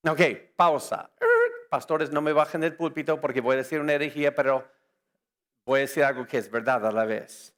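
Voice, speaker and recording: A man whose first language is English, giving an apologetics lecture to a church audience, lively and joking, firing rhetorical questions at the crowd. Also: medium pitch. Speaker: conference speaker.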